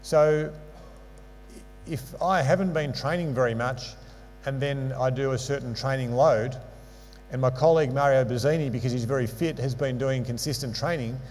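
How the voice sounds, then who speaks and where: A man lectures on sports medicine at a conference with slides, explaining patiently with occasional dry asides in a non-local English accent. His mid-range, slightly mellow voice moves at a moderate pace, with faint background music, hall reverb, and mains hum.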